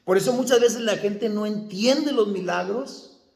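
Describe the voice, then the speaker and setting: A man's voice: high-pitched, a little slow, creaky, darkish tone, roomy sound. A male pastor preaching a sermon, asking the congregation questions and answering them himself.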